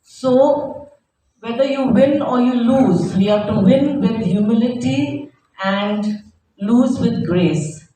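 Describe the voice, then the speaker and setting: A middle-aged or older woman gives a formal public speech as a competition judge, deliberately stressing her points. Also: a little high, warm tone. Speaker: competition judge giving remarks. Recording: very echoey hall, distant, faint noise.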